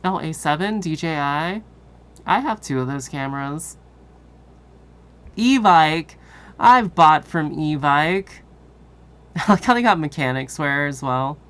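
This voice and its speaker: A woman streamer chatting casually with her viewers, tired and relaxed, swearing now and then. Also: sits low, moderate pace. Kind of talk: casual chat with live viewers.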